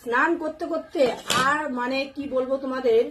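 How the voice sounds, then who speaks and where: A woman speaking rattles through her lunch dishes in quick, chatty bursts. Her voice sits a little high and sounds scratchy from a sore throat. A faint hiss sits under the recording. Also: steady tone. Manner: chatty, lists dishes one by one, self-correcting. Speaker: food vlogger. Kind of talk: casual chat to viewers. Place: home at a lunch table.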